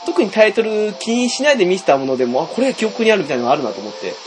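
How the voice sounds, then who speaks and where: A man with a fairly high voice talks quickly in relaxed podcast chat. His pitch swings widely as he mixes fillers with playful acted-out shouts. A faint hiss sits behind him. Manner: chatty, many fillers, acts out shouts. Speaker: podcast co-host. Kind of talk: casual chat.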